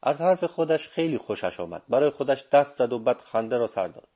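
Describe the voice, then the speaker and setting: A man narrating a first-person audiobook in a measured, steady reading. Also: mid-range voice, breathy edge.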